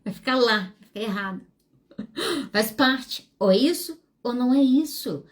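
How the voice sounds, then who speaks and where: Animated woman, higher voice. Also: moderate pace. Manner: animated storytelling with wide pitch swings; frank and self-deprecating. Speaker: psychologist and podcast host. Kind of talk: solo podcast monologue.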